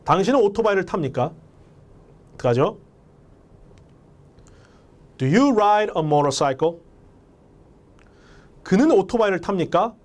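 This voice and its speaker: A man's voice: sits high, expressive, slow, pauses often. A man teaching an English lesson, emphatic and often speaking straight to his viewers. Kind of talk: lecture.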